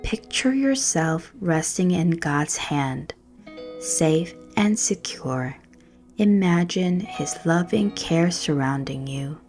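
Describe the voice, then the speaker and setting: Here a meditation guide, a woman whose voice sits low, recites a written prayer with music behind her. The delivery stays hushed and gentle, calming, with measured pacing between phrases.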